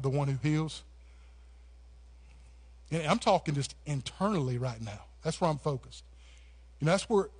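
A man with a rather high voice preaches in a church sanctuary. His delivery is passionate yet conversational. He restarts phrases and sprinkles in "man" as he speaks to his congregation. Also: a little mellow. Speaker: pastor. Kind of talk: sermon.

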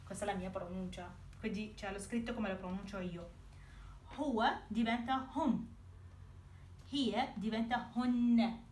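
A woman teaching a lesson, saying each word slowly and repeating it, with her own pronunciation. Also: medium pitch, a little mellow, far from the mic. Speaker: Arabic teacher. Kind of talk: slow language lesson. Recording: roomy, off-mic, faint hiss.

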